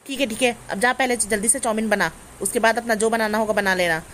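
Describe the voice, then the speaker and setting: A woman's voice: fairly high pitch, fast, a bit bright, a little hiss or hum, natural voice. A woman playing a bossy, doting middle-aged mother-in-law who scolds her daughter-in-law in a family comedy skit. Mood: scolding. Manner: scolding, commanding.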